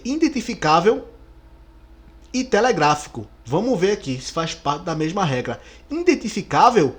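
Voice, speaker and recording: Brazilian male teacher, slightly high voice, animated exam-prep explainer. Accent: Brazilian Portuguese. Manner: lively, stretches key words, checks in with the class.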